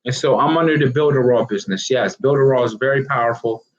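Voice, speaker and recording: A man's voice: mid-range voice, fast talker. Rambling motivational man, lo-fi sound. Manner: rambling, repeats "you know what I mean"; animated, breaks into laughs. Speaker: online fitness marketer. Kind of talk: casual motivational monologue. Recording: dull lo-fi recording.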